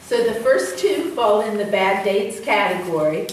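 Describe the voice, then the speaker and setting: A woman's voice: medium pitch, lively intonation, a little slow. A woman poet informally introducing her poems at an open mic. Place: indoor open mic venue. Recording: very echoey room, distant, noisy, clicks.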